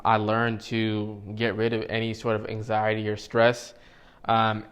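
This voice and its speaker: A man's voice: on the low side, a bit bright. A man of thirty-one giving a casual, rambling motivational talk to camera as a vlogger, with many fillers and restarts. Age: 30s.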